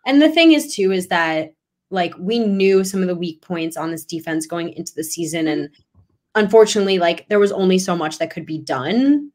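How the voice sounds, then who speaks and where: A woman's voice: lowish voice, normal speed. A young woman hosting a sports podcast, talking casually and getting emphatic. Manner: animated, rising emphatic talk. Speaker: podcast host.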